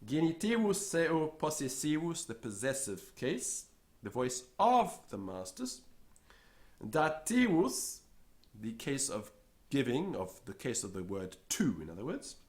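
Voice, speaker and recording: Giving a slow spoken Latin lesson, a man with a mid-range voice and big pitch swings keeps a measured pace. He pronounces each Latin word, says it again, and explains it in English, raising his voice to act out little scenes.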